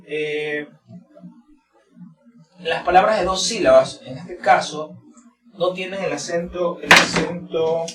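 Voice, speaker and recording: Man teaching English word stress. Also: on the high side. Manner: slow and repetitive, many fillers. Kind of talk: explaining word stress from a board. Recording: echoey room, distant mic, crowd noise.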